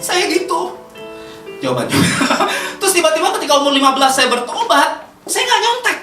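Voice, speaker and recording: Brief: chatty Jakarta-accented woman preacher, bright lively voice, echoey church hall with faint music. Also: very high voice, brisk, distant mic. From Indonesia. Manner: chatty, laughs often, lively. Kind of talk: sermon.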